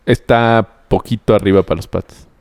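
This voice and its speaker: A man's voice: fairly low pitch, steady tone, moderate pace, a little mellow, no echo. A young man with a Mexican accent in casual chat with friends, an eager storyteller who likes to argue. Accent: Mexican Spanish.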